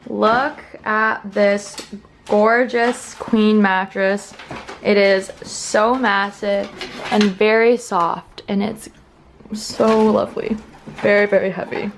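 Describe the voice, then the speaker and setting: A woman's voice: medium pitch, fairly even intonation, slow. Young woman, casual upbeat vlogger, fillers galore, noisy camera audio. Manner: chatty, upbeat, filler-heavy. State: tired, out of breath at times. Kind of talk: casual vlog narration. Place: around the city, indoors and outdoors. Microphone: handheld camera mic.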